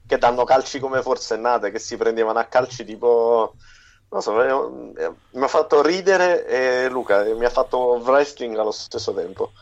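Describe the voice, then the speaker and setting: A man's voice: medium pitch, normal speed. A man chatting casually as a podcast guest, with crude, slangy banter and swearing, over a dull lo-fi link. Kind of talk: casual chat.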